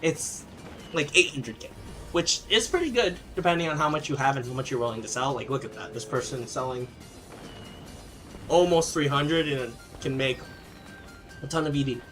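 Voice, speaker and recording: A man's voice: mid-range voice, animated, normal speed, long pauses, fairly bright tone, soft background music. A man streaming a game, answering chat questions casually with plenty of fillers and restarts. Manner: rambling, many fillers and restarts.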